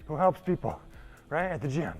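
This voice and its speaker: A fitness trainer leads a workout, giving a motivational talk as he exercises. His voice is fairly high and a little mellow, with a sing-song lilt at a moderate pace. He's conversational and emphatic, checks in often, and is exerting himself and getting winded, so some breathlessness comes through.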